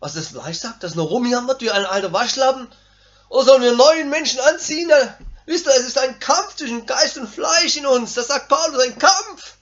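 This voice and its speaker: Male preacher, sermon, high-pitched, emphatic, forceful bursts, muffled recording. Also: lively intonation, moderate pace. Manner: emphatic, builds to forceful exclamations. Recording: dull lo-fi recording.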